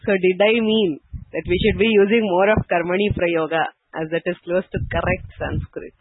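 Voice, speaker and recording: A man with a high, husky voice leads an online grammar lesson, explaining patiently and pausing on "okay" and "so". The sound is thin and phone-like, and dry with no room around it. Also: steady tone, no room sound. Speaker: Sanskrit grammar teacher. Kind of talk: online class lecture answering questions.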